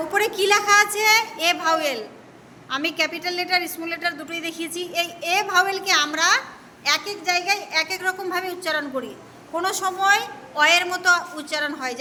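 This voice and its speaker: A woman's voice: very high voice, bright, forceful tone. A woman teaching English vowel sounds to a class, explaining patiently and spelling out words. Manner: instructive, scolding a pupil at the start. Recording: roomy hall echo, faint noise.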